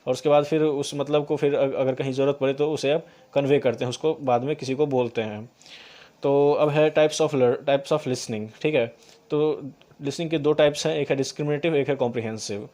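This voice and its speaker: A male teacher gives an exam-prep lecture. He reads each English line slowly, then explains it again in plain terms. His talk is full of fillers and repeated words. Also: medium pitch, steady tone, dark tone. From India.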